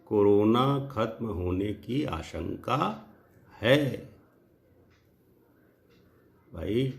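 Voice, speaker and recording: Slow gravelly male grammar teacher. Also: lowish voice. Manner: slow, deliberate, spells out examples word by word; addresses viewers directly. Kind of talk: lecture.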